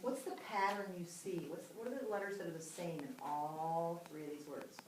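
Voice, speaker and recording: A woman teacher runs a phonics lesson, patiently prompting children and asking them questions. Her voice sits a little low and is picked up from a distance in a roomy classroom. A steady hiss of noise runs under the recording. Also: normal speed.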